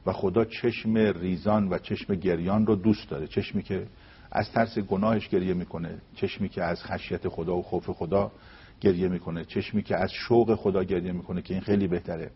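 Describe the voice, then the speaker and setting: Deep husky man giving a religious talk. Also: fairly even intonation, muffled recording. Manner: recites verses slowly and deliberately. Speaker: religious speaker.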